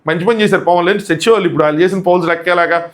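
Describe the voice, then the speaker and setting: A man's voice: high-pitched, racing. A man giving a critical, emphatic review of a reality show episode, arguing his points. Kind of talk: fast opinionated episode review.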